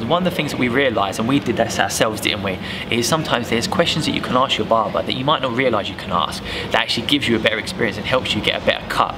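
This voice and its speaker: A young man co-hosting a vlog, chatting brisk grooming advice to camera outdoors on a city street. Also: medium pitch. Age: young adult. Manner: brisk, chatty, addresses viewers as gents. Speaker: vlog co-host. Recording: loud street noise outdoors.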